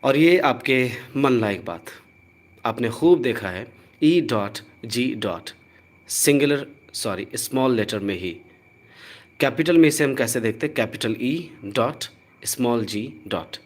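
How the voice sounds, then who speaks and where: A man's voice: medium pitch, animated. A man with an Indian accent teaching a live online pronunciation lesson, spelling out letters and repeating each word with care. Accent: Indian English. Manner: slow, deliberate, spells out letters and repeats words. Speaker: English teacher.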